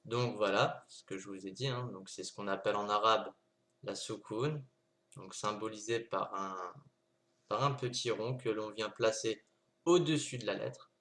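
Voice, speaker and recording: A man's voice: fairly low pitch, normal speed, fairly bright tone. A man giving an online lesson on Arabic letters, talking patiently and repeating his points, sounding out clipped consonants again and again. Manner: patient, repeats points with many "donc" and "d'accord". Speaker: Arabic teacher.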